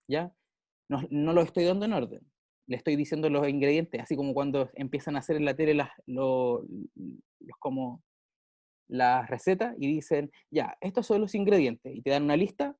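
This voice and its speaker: Chilean guy teaching class, kinda high voice but mellow, keeps asking if everyone's following. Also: dry recording. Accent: Chilean Spanish. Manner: explains with everyday examples, checks in with students often. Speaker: English teacher. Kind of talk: casual classroom explanation.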